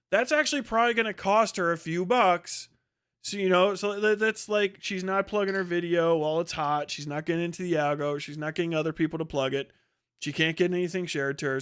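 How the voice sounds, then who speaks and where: A livestream host rants casually, airing strong opinions in a blunt, profane and dismissive way. His voice is high-pitched and somewhat bright.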